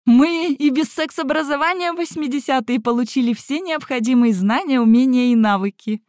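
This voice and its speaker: A woman's voice: sits high, moderate pace, dry recording, studio quality, pitched above the performer's own voice, close to an everyday voice. A woman voicing a cheerful, breezy older female schoolteacher who laughs off the question. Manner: bright, laughing, carefree.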